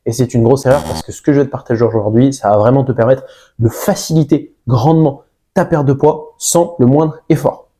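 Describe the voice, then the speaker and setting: Male fitness coach, mellow darker timbre, mid pitch, explains directly to viewer. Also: a little fast. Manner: explanatory, addresses the viewer informally. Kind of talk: direct-to-camera advice video.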